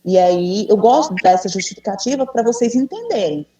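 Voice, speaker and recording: A woman's voice: medium pitch, animated, normal speed, dark tone. A Brazilian woman with a patient, encouraging manner, leading an online teacher training and asking the group questions. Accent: Brazilian Portuguese. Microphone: video call. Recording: echoey room, distant mic.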